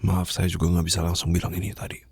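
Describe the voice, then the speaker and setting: In an intimate ASMR roleplay, a man plays a brooding young mafia boss, commanding yet tenderly protective, speaking slowly, softly and formally in a husky, breathy, soothing voice that drifts into whispers. His deep, exaggerated voice has a flat delivery and a gentle, consoling mood. It's recorded on a close, dry studio microphone with no room sound.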